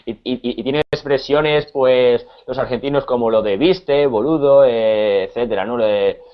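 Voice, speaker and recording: A man from Spain with a Spanish accent, teaching a conversational Spanish lesson, pausing often with repeated words and fillers. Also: mid-range voice, steady tone, dull audio.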